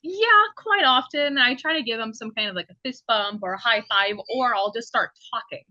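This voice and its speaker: A woman's voice: fairly high pitch, moderate pace, bright, forceful tone, no room sound, lo-fi sound. A woman talking casually as a podcast guest about her costume work and hobbies, laughing often, on a video call from home. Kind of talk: casual chat. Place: home, indoors.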